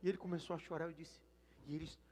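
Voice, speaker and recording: A man with a Brazilian Portuguese accent preaches to a church crowd, his voice sitting a little high. He tells the story dramatically, going from quiet murmurs to loud shouted lines. Faint instrumental music plays underneath. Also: flat delivery, quick pace. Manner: dramatic, swings between hushed asides and loud shouted lines. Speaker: senior pastor. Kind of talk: storytelling sermon. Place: church service.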